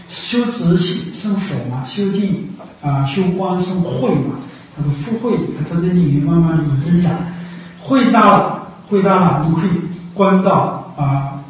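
High-voiced man giving a Buddhist teaching. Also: darkish tone, slight background noise. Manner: unhurried, repetitive, with many drawn-out fillers. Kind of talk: dharma talk. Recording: echoey room, voice from far off.

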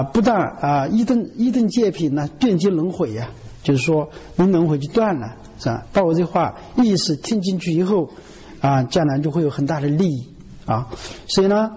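A man's voice: high-pitched, dark tone, husky, long reverb tail. A man giving an earnest Buddhist sermon, often checking that listeners follow him. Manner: earnest, keeps asking "you know?". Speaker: Buddhist teacher.

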